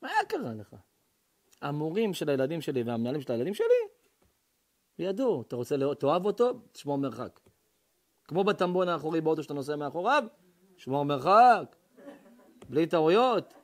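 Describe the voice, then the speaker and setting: A man, a rabbi, giving a fiery sermon to an audience, shouting warnings and acting out dialogues. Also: on the high side, big pitch swings, pauses often. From Israel.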